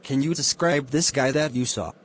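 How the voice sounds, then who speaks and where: A man's voice: mid-range voice, moderate pace, a little hiss or hum, close to an everyday voice. A man playing a formal, businesslike police officer questioning witnesses in a murder mystery film.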